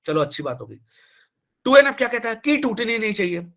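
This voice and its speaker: Male online tutor, fairly high voice, lively and pushy, keeps asking the class to answer. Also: a little fast. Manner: animated, repeats himself, keeps urging students to reply. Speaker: teacher. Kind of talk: live online class lecture.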